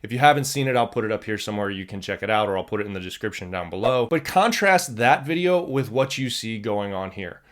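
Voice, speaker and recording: A man's voice: on the low side, expressive, quick pace, hardly any pauses, a bit bright. An American man explains and comments as a video host and instructor, speaking to newcomers to a trade. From United States.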